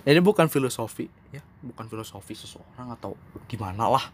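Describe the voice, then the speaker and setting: A young man hosting his own podcast, talking candidly and rambling, now calm, now emphatic and self-mocking. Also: medium pitch, brisk, slight background noise. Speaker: podcast host. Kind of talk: casual solo podcast monologue.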